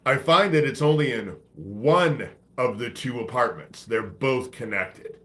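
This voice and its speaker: This livestream host rambles casually and swears freely while congested from a head cold. He has a mid-range, slightly bright voice with lively intonation and an unhurried delivery.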